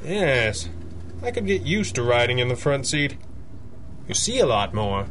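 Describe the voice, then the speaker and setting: Over background noise, an actor plays an authoritative male masked detective from a thirties radio serial. He speaks in a measured, formal way, as a cerebral hero used to command. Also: medium pitch, sing-song, fairly bright tone. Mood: calm, reflective. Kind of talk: 1930s radio adventure acting.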